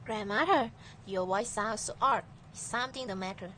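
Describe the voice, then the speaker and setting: A woman's voice: mid-range voice, moderate pace, bright, forceful tone, slight background noise, natural voice. A woman playing an innocent little girl in an amateur storybook play. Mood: puzzled.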